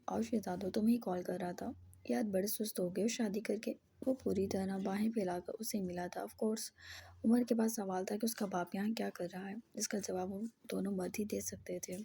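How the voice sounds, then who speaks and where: A woman narrating a novel as an audiobook in a hushed, half-whispered reading. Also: medium pitch, slightly rough.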